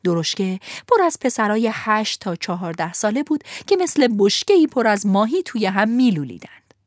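A woman narrating a storybook in an expressive, vivid manner. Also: medium pitch, dry recording, clean studio sound.

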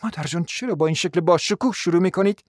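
Man voicing a bitter sick young woman, high voice, sharp, scornful, impatient, radio drama, dry recording. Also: no echo, lightly acted.

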